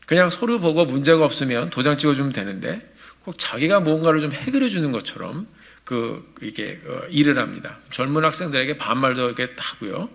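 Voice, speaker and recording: Bright-voiced male pastor telling a story. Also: medium pitch, brisk, creaky. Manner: storytelling, animated. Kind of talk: sermon. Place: church sanctuary.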